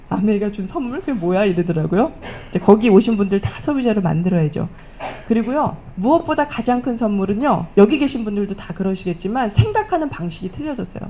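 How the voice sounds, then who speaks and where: Woman, middle-aged, motivational stage testimony, animated storytelling, acts out quotes, dull lo-fi sound. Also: medium pitch, a little fast. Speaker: speaker at a business recognition event. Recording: dull lo-fi event recording.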